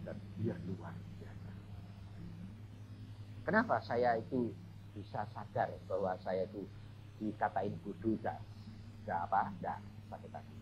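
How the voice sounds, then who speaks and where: A man's voice: lowish voice, measured pace, pauses often, highs cut off, slight background noise. A male evangelist with a Javanese accent, preaching a humorous storytelling sermon and speaking straight to the congregation. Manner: humorous, chatty, addresses the congregation as "saudara".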